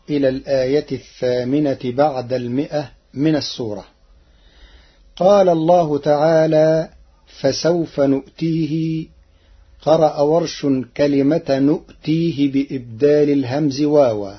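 A man giving a scripted, measured lesson, chanting short quoted passages between his explanations. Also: medium pitch, breathy edge, highs cut off. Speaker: teacher. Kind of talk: scripted instructional narration.

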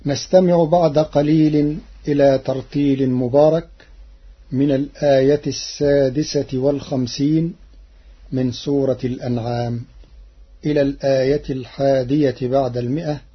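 A man teaching Quran recitation variants, speaking slowly and deliberately and intoning each quoted verse. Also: mid-range voice, slightly rough, highs cut off. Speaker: Quran reading instructor. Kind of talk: didactic explanation of recitation variants.

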